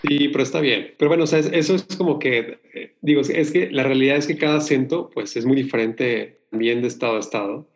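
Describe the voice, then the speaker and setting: Hesitant Mexican podcast guest. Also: male voice, mid-range voice, fast talker, hardly any pauses. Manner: hesitant, many fillers. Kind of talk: casual podcast chat.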